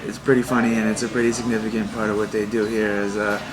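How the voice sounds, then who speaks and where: A man's voice: on the low side, flat delivery, quick pace, a loud crowd, rough recording. A young man talking in a casual interview, repeating words as he goes.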